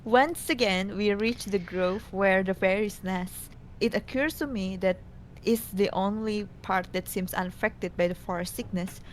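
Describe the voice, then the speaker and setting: A woman narrating a scripted game story aloud, now and then stumbling over the reading. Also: a little slow. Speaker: co-host reading a visual novel aloud. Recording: noisy, low rumble behind.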